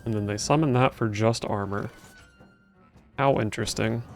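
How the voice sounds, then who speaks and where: A man's voice: lowish voice, normal speed, a little mellow. A man giving casual, dry and sardonic gameplay commentary, thinking his moves through aloud. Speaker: game streamer. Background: game music.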